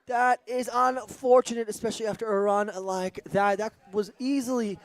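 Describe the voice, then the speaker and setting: High-voiced hyped sports commentator man. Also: fairly even intonation, no echo. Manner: hyped, rapid play-by-play with playful banter.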